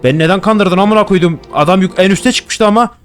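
A young man talks through a horror game in a casual, nervous rush. His voice sits a little high, and he keeps swearing and greeting the things he picks up. Faint game music plays under him. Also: fairly quick. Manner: jumpy, swears a lot, talks to objects in the game. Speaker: gaming YouTuber. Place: home room.

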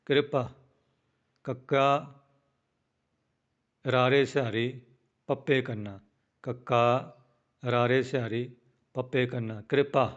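A man teaching pronunciation of a prayer, chanting verses slowly and then explaining the spelling in a quicker spoken voice, with a Punjabi accent. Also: mid-range voice, lo-fi sound. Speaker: scripture recitation teacher. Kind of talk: pronunciation lesson with chanted recitation.

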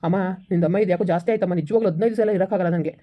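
A woman playing a defensive, sulky grown son in a village family skit, talking back in rapid complaints. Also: on the low side, warm tone, lightly acted.

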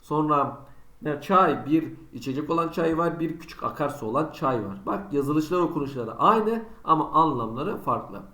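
A man teaches a school lesson online, his voice sitting a little high for a man. He keeps putting students' questions to himself and answering them with chatty, teasing examples. The room around him rings with echo. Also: expressive, moderate pace, sharp tone. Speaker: Turkish teacher.

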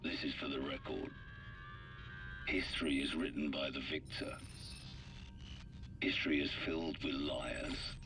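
An actor playing a grave, bitter veteran soldier delivering a deliberate dramatic monologue for a war game briefing. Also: male voice, extremely low pitch, steady tone, distant mic, music in the background.

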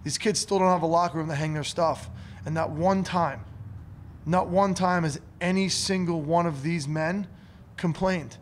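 A man's voice: a little high, fairly even intonation, normal speed, a little hiss or hum. A man in his thirties, a head coach at a postgame press conference, talking earnestly and emotionally and often repeating words, into a table microphone in a press room. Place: press room in front of a curtain. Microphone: table mic on a stand.

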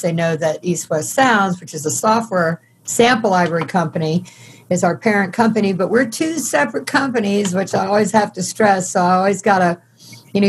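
A woman's voice: mid-range voice, a little hiss or hum. Folksy Southern woman on a call. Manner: folksy, laughs often. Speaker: studio manager, guest. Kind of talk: casual interview chat.

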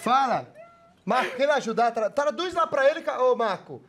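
A man's voice: extremely high pitch, expressive, moderate pace, a bit bright. A man hosting a live blind date game, teasing and giving the contestant directions. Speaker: host.

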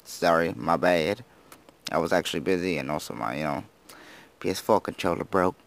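A man's voice: low-pitched, normal speed, gravelly. A teenage boy chatting casually over his gameplay, rambling and self-deprecating, who admits he slurs his words and has just woken up. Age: teens. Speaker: gaming YouTuber.

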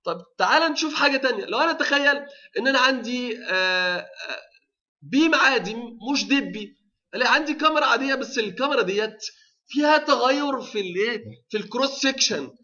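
Male lecturer, Egyptian accent, high, quick delivery, rhetorical questions, dull lo-fi recording. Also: expressive, sharp tone. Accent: Egyptian Arabic. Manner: asks the class rhetorical questions, frequent fillers and restarts. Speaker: university lecturer. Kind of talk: technical lecture.

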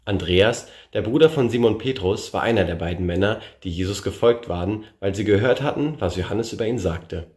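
A man with a fairly low voice reads a Bible passage aloud, measured and clear. He lifts his voice for the speakers he quotes. The recording has a noticeable room echo. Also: a little mellow. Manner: measured reading, gives the quoted speakers a lift. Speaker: scripture reader. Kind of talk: bible reading.

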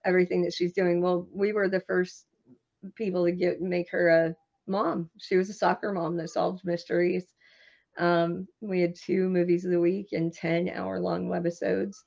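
Woman guest, lowish voice, animated anecdotal delivery, slightly dull lo-fi audio. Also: normal speed, creaky. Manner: animated anecdotal storyteller, laughs often. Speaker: screenwriter and marketing guest. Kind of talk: interview storytelling.

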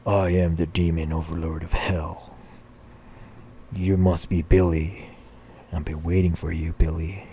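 A man voicing a gloating male demon overlord of hell who speaks low and drawn out. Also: level tone, a little slow, long pauses, warm tone, a little hiss or hum.

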